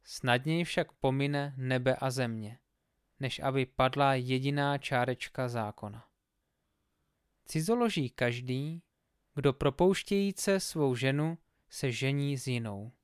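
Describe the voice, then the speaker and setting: A man reading scripture aloud in a measured, solemn, scripted delivery. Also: medium pitch, clean tone, no echo, studio quality. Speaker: Bible reader.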